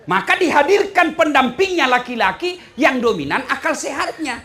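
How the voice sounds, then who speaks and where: A male preacher, giving a humorous sermon to a live audience, with loud bursts of emphasis and snatches of sung song. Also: very high-pitched, expressive, moderate pace.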